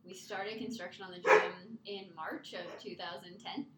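A woman's voice: mid-range voice, steady tone, normal speed. A woman guest, a gym owner, telling stories casually in a chatty, joking way. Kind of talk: casual conversational storytelling. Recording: roomy echo, faint noise.

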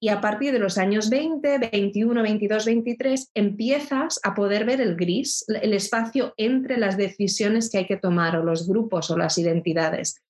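A woman's voice: mid-range voice, normal speed, few pauses, a little mellow. A middle-aged woman from Spain, a guest in a conversation, speaking thoughtfully with frequent restarts and rhetorical asides. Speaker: interview guest. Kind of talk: reflective conversation.

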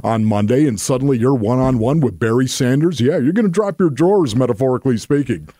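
A man's voice: medium pitch, lively intonation, fast, mellow, no room sound, studio quality. An American man giving conversational football analysis in a folksy, emphatic way, often repeating his phrases. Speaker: sports radio analyst.

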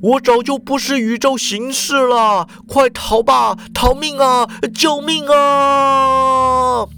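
A man's voice: extremely high pitch, fairly even intonation, takes it slowly, sharp tone, pitched above the performer's own voice, full character voice. A man voicing a depressed, cowardly former superhero who whines and wails. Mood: wailing despair. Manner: whiny, panicky, wailing.

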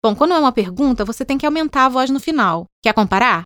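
A woman with a Brazilian Portuguese accent explains language points on a scripted podcast in a friendly, teasing tone. Her somewhat high voice moves through a wide, expressive melody. The close recording is dry. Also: fast, no echo. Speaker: podcast host and English teacher. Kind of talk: scripted educational podcast dialogue.

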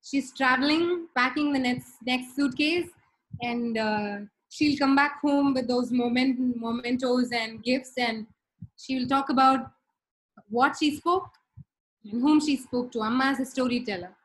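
The poor-quality audio captures a measured, high female voice with an Indian accent. The speaker, a middle-aged Tamil-speaking woman from India, is a podcast guest on a remote call, talking casually and reflectively with lots of fillers.

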